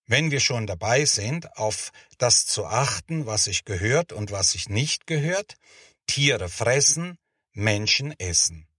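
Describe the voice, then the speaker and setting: A man reads a children's story aloud as scripted narration, measured and even-handed. His pitch sits in the middle of the male range, and the recording is dry with no room sound. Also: slightly rough, no room sound, distant mic.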